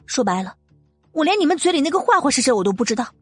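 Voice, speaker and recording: A man voicing an indignant, proud young wife in an audiobook, firing off rapid, heated retorts. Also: very high voice, big pitch swings, dry recording, voice pushed up. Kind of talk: audiobook character voice. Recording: dry close mic with faint music.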